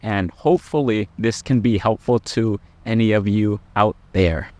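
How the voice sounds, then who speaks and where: A middle-aged man who is a Buddhist monk, talking gently and earnestly to camera about life lessons, with frequent pauses. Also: on the low side, a little hiss or hum. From Laos. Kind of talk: personal reflective talk to camera.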